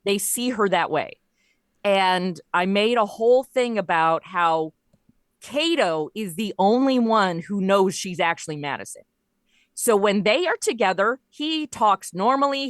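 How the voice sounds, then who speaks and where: A woman who writes and produces audio dramas is an interview guest, chatting casually and telling stories as she explains her creative work. Her medium-pitched voice is a bit bright, recorded with studio quality and no room sound.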